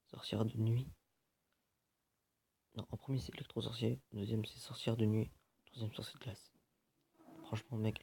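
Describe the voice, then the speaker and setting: Gravelly joking man commenting on gameplay. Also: on the low side, darkish tone. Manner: joking, swears often, mutters to himself. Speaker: gaming video host.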